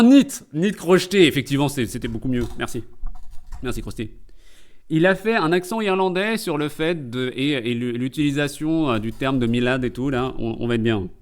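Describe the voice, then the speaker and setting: A man's voice: mid-range voice, animated, brisk. A man streaming live and doing comedic translation commentary, full of joking, rambling asides.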